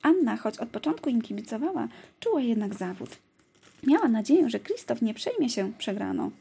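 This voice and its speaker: Woman, storybook narration, gentle, lively read-aloud, very husky, gravelly fry. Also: a little high, a little fast.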